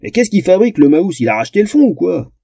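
A man voicing a tipsy, joking male necromancer who chuckles as he talks, in a husky voice. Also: high-pitched, big pitch swings, fast, dark tone, no echo, voice pushed up, heavily acted.

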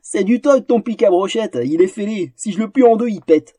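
A man voicing a huge, scornful male troll warrior in a storybook reading, with a gruff, mocking manner. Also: high voice, moderate pace, warm tone, dry recording, pitched above the performer's own voice.

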